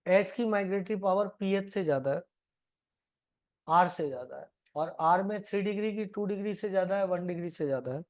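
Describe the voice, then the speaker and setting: High-voiced, teasing male chemistry teacher. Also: a little fast. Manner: teasing, chatty, scolds students playfully; calls students "beta". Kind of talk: live classroom lesson.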